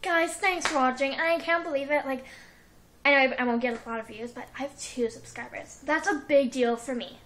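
A woman's voice: high-pitched, brisk, a bit bright, slight background noise, low-quality recording. A teenage girl chatting casually and rambling as she shows off a shopping haul, recorded on a webcam at home. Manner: chatty, giggly, rambling with many likes. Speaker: vlogger. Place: living room at home. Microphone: built-in webcam mic.

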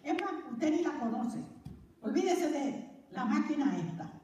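High-voiced woman teaching in an echoey hall. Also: a little slow. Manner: lively, joking, preacher-like. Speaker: Bible course teacher. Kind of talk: church Bible class teaching. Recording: very echoey room, distant mic, faint noise.

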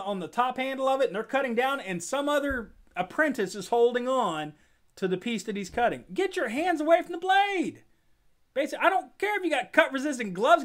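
A middle-aged man giving an informal safety lesson like a plain-spoken shop class teacher, repeating warnings emphatically and asking rhetorical questions. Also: very high-pitched. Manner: animated direct address with rhetorical questions. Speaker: safety instructor. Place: small indoor office.

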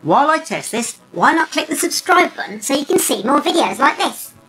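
A woman's voice played back sped up through a small device so it comes out as a high chipmunk squeak, making a cheerful channel plug. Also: very animated, brisk, noisy background. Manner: cheerful channel plug, talking while testing. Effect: sped-up chipmunk pitch shift from device playback. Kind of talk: electronics tutorial narration.

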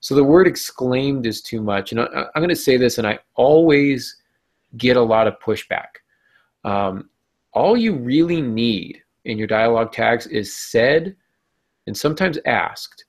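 Podcast host guy, kinda gravelly, chatty and wry, breaking down writing advice. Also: mid-range voice, animated, measured pace. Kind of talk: casual podcast chat about writing.

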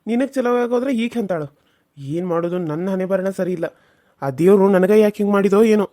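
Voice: mid-range voice, fast talker, mellow, close to an everyday voice. A voice actor playing a flustered, complaining married man in a cartoon serial, with a North Karnataka Kannada accent. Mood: exasperated. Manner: exasperated, complaining. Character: flustered married man caught between two women.

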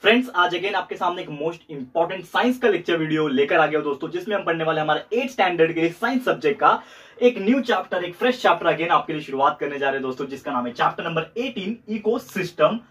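Standing at a whiteboard, a young Indian man teaches in Hindi peppered with English, his slightly hoarse throat prompting some throat-clearing. His pitch is fairly high, his intonation lively and his tone fairly bright, and he delivers rapid, repetitive tutor talk punctuated by "theek hai." A far-off camera captures it as dull, lo-fi audio.

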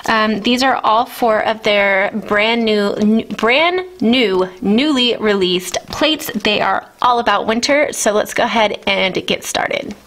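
A woman's voice: medium pitch, takes it slowly, few pauses, a bit bright. Woman, 30s, enthusiastic home product review, gushing, chatty. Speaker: nail art vlogger. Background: children.

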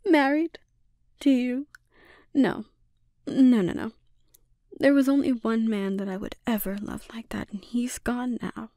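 A woman playing a menacing, condescending, dominant witch in a breathy, often whispered ASMR roleplay. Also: fairly high pitch, dark tone, no room sound, clean studio sound. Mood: scornful amusement, then cold, controlled. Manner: slow, deliberate, condescending.

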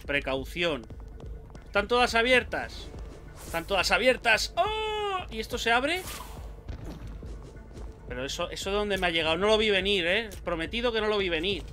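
Jumpy Spanish gamer yelping at scares. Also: male voice, high voice, animated, moderate pace, pauses often, pushed and bright, faint music behind. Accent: Spain Spanish. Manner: jumpy, swears and yelps at scares. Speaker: gaming YouTuber. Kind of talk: let's play commentary.

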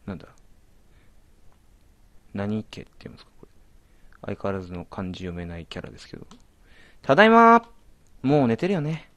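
A man's voice: deep voice, sing-song, fast, long pauses, dark tone, no room sound. A man commentating a horror game as he plays, jumpy, alternately exclaiming and muttering to himself. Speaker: let's play commentator.

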